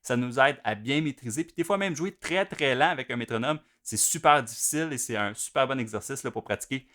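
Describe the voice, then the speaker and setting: A man's voice: medium pitch, expressive, fairly quick, a bit bright. A man explaining drum exercises step by step, in a patient, methodical way. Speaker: drum teacher. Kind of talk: instructional video explanation.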